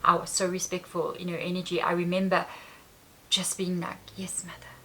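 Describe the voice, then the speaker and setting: A woman's voice: lowish voice, completely flat delivery, a little fast, fairly bright tone, low-quality recording. A woman earnestly telling a personal story to camera in a rambling, repetitive way. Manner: earnest, rambling, repeats herself. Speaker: spiritual vlogger.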